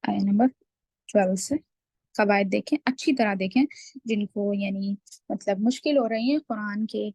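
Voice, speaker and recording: A woman teaching Quran recitation rules in a class, slow and deliberate, drawing out the recited words and then explaining each rule. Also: medium pitch, darkish tone, no echo. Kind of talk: online tajweed class.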